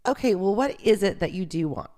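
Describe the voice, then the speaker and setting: A woman's voice: low-pitched, animated, takes it slowly, mellow. A woman voicing a grieving, easily agitated queen of the underworld. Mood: exasperated. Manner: pained and exasperated.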